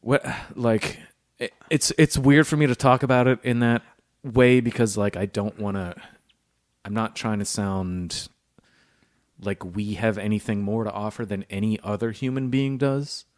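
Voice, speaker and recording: A man's voice: lowish voice, steady tone, measured pace, no echo, studio quality. A man co-hosting a podcast, talking earnestly in casual chat, rambling a little and swearing freely. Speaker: podcast co-host.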